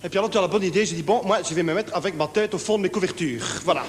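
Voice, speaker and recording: A male stage comedian performs a one-man show live in a reverberant theatre, playing a nervous, naive, lonely insomniac with a Belgian French accent. He talks rapid-fire in his natural voice, fidgety and rambling, his lines full of verbal tics, before a live audience.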